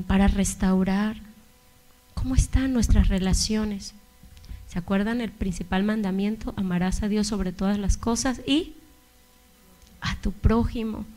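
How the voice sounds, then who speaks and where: A woman preaching a sermon, telling a personal testimony and acting out the dialogue in it, at times rising to loud emphasis. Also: mid-range voice. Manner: storytelling, acting out dialogue with God. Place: church.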